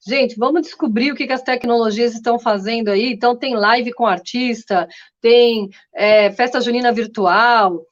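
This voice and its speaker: A woman's voice: a little high, fairly even intonation, moderate pace. A woman hosting a conversation, earnest and talking in long run-on thoughts. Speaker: podcast host. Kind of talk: conversational discussion. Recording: dull lo-fi sound.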